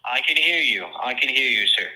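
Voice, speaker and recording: Bright-toned man over a phone line. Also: medium pitch, expressive, fairly quick. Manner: polite, repetitive, says "sir" often. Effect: heard over a phone line. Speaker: phone caller from a call center.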